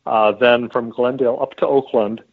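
A man's voice: mid-range voice, steady tone, normal speed, slightly rough. Wry man on a tinny phone line. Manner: wry, joking. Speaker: co-host. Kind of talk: casual radio chat.

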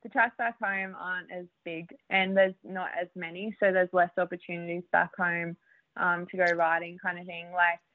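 A woman's voice: on the low side, flat delivery, moderate pace. A young Australian woman, a motocross rider, chatting as an interview guest, chatty and laughing often with lots of fillers. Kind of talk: casual interview. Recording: dry tinny phone-like line.

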